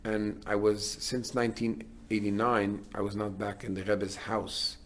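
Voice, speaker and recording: A man's voice: lowish voice, level tone, measured pace. A middle-aged man, a rabbi, giving a sermon in an earnest way, building to emphatic declarations.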